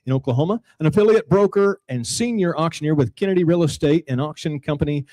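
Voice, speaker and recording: A man reads a formal introduction as an announcer. His voice sits a little high for a man, with a mellow tone. The sound is very dry. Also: quick pace, no room sound. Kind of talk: scripted formal introduction, read aloud.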